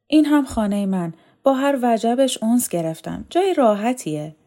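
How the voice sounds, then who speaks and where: A woman playing a proud, gentle tailor man. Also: fairly high pitch, lively intonation, voice pushed up. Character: humble male tailor, proud of his craft.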